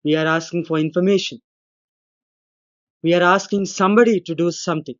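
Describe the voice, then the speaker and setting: A man, a lecturer giving a recorded grammar lesson, explaining slowly and deliberately and acting out the intonation of his examples. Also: high-pitched, steady tone, highs cut off. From India. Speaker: English lecturer.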